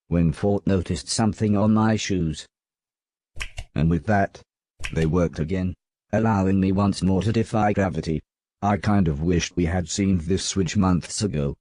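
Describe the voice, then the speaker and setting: A man voicing a wry adventurer who narrates his journey in a measured, scripted storybook style for a video game. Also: deep voice, mellow, close to an everyday voice. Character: adventurer recounting his journey home with a companion.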